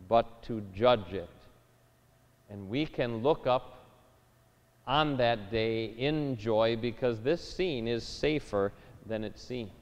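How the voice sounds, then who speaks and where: A man preaching a sermon as a pastor, measured and deliberate, rising in emphasis on key phrases. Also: medium pitch, darkish tone, clean tone. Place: church sanctuary. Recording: dull lo-fi church recording with long reverb.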